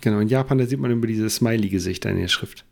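A man's voice: on the low side, fast, creaky, darkish tone. A man, a podcast guest, explaining things at length in casual chat, with many restarts and fillers.

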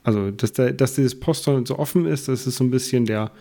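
A man's voice: medium pitch, brisk, vocal fry, mellow. A man, a podcast guest, explaining things at length in casual chat, with many restarts and fillers.

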